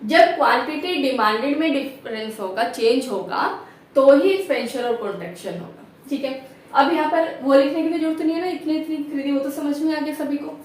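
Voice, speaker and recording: High-voiced woman teaching in an echoey room. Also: normal speed, distant mic. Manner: explains step by step, keeps checking with "ठीक है" and rhetorical questions. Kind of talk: classroom lecture.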